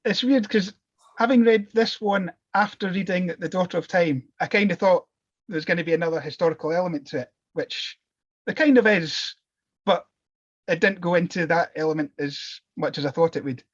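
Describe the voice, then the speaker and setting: A man's voice: high voice, normal speed, muffled recording. A man in a book club panel, rambling and thinking aloud about a novel. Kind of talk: casual book discussion.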